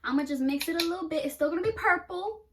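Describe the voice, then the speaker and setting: A woman's voice: extremely high pitch, expressive, fast talker. A young woman doing a casual makeup vlog, blunt and self-mocking, swearing freely and laughing at herself. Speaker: beauty vlogger. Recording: somewhat distant mic with faint noise.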